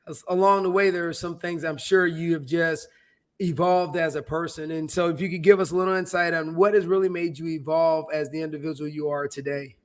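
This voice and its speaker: A man's voice: on the high side, steady tone, fairly quick. A man hosting an interview, effusive with praise and tripping over repeated words as he sets up a question. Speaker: interview host. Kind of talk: conversational interview.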